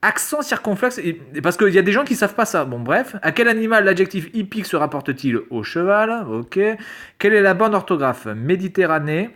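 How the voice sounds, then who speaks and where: A man's voice: high voice, expressive, fairly quick, fairly bright tone. A man reading quiz questions aloud and reacting to them with sarcastic, exasperated commentary. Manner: sarcastic, exasperated, swears and mutters. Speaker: video creator.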